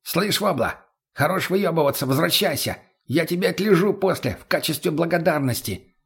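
A man reading an audiobook and voicing a crude, careless male junkie who jokes and swears, with a husky voice. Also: a little high, expressive, moderate pace, a bit bright, pitched above the performer's own voice, heavily acted.

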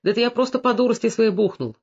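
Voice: mid-range voice, fast talker, darkish tone, slightly rough, pitched above the performer's own voice, lightly acted. A reader voicing a timid young village man who pleads hesitantly with the woman he loves, in an audiobook. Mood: pleading. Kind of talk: audiobook dialogue reading. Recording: dull lo-fi recording.

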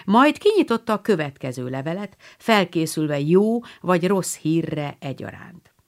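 Brief: woman audiobook narrator, measured and expressive, slightly low voice. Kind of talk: scripted narration.

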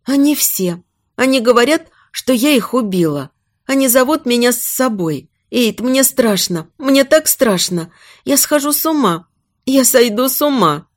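A woman's voice: a little high, expressive, normal speed, lightly acted. Woman voicing a trembling, frightened young heroine. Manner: whispering, trembling.

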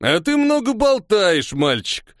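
A man's voice: sits high, very animated, slow, a bit bright, no room sound, clean studio sound, voice pushed up, exaggerated voice. A man voicing a brutal, grinning male bandit leader in an audiobook, mocking and gloating.

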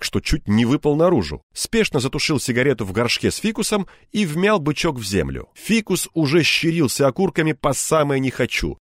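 A man's voice: mid-range voice, no echo, studio quality. A man narrating an audiobook in the first person, in a wry, conversational storytelling manner.

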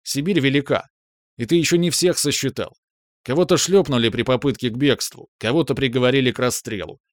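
Dry, measured older guy, read by a male narrator, plain mid pitch, audiobook. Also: no echo, lightly acted. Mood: wry.

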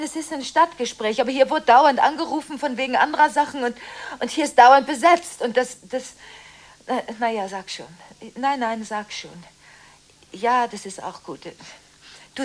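A mid-range, lightly acted delivery from an actress portraying a nervous, disorganized woman in a radio play, who stammers into the phone and swings from quiet whispers to startling loud moments.

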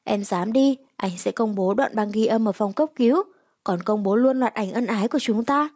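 A woman's voice: mid-range voice, moderate pace, a little mellow, dry recording, studio quality, lightly acted. A woman voicing a cocky young gang boss who talks in a smug, coaxing way.

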